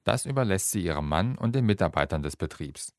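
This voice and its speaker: A man reads a radio feature script in a calm, steady way. His voice sits very low. The delivery is measured and even. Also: slight background noise. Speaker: reporter.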